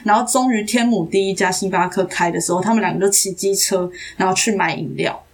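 A young Taiwanese woman, an actress guest on a podcast, telling a story in a casual, animated way and acting out the dialogue. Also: medium pitch, quick pace, vocal fry, crowd noise. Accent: Taiwanese Mandarin. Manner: animated, acts out quoted dialogue.

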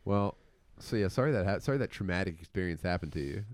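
A man's voice: sits low, animated, fast, no echo. A man hosting a casual podcast, joking and teasing his friends and laughing often. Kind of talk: casual banter among friends.

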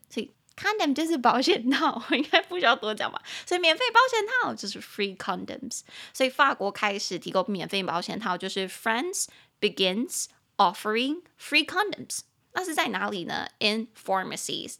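A young woman with a Taiwanese Mandarin accent hosts an English-lesson podcast at a medium, even pitch. She slips between Mandarin and English, drawing out key words and spelling them letter by letter for her listeners. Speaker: podcast host and English teacher.

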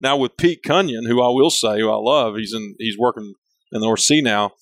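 With a mid-range voice at a fairly quick pace, this man, a company leader, chats openly as an interview guest. He has a big voice and bigger personality, and he rambles, often starting sentences over. There's no echo.

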